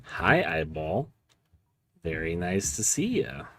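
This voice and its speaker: A man streaming a horror game, giving live commentary and reading game text aloud in a drawn-out, playful, theatrical way. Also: low-pitched, sing-song, background noise. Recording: music behind the voice. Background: game music.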